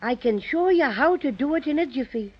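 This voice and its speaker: High-voiced little Irish teddy bear. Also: animated, brisk. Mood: eager, encouraging. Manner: jaunty, playful storybook brogue. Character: small four-inch Irish teddy bear, chipper, boastful, kindly. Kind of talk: 1930s children's radio serial acting. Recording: dull vintage 1930s radio recording.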